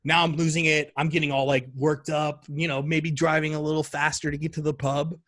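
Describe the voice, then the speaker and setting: A man in his thirties telling a story in casual podcast chat, animated and acting out quoted lines in a higher voice. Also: fairly quick. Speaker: podcast guest.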